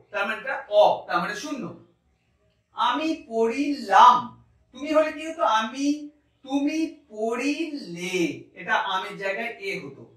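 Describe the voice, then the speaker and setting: A male teacher giving a methodical grammar lesson, stretching out words slowly to show how they are pronounced. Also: extremely high pitch, fairly bright tone. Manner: methodical, drawing out words slowly to model pronunciation. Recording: very echoey room, mic far off.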